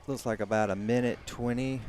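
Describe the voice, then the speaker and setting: A man doing casual color commentary at an outdoor football game, agreeable and quick to affirm his partners. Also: medium pitch, steady tone, darkish tone, a little hiss or hum.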